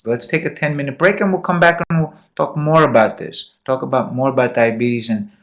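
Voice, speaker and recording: A man's voice: mid-range voice, steady tone, brisk. A man giving a live medical lecture in a classroom, quizzing students and repeating key points. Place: lecture room.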